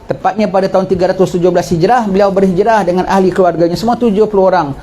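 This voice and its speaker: A middle-aged man with a high, rapid-fire voice gives a religious lecture, recounting history in a lively way while posing and answering his own questions.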